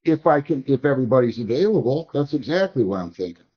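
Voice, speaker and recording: A man's voice: mid-range voice, sing-song, quick pace, breathy edge, muffled recording. A man presiding as a judge in a courtroom hearing, stern and exasperated as he lectures counsel.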